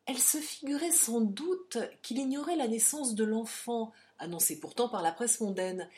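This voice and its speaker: A woman narrating a romantic novel as an audiobook, emotive, with hushed passages. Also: on the high side. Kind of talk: dramatic audiobook reading.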